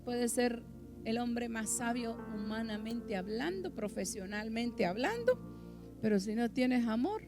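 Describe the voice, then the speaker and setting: Middle-aged lady preacher in church, highish voice, gets loud and fired up, soft music behind. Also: lively intonation, unhurried. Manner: impassioned, rising to loud emphatic peaks. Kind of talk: sermon.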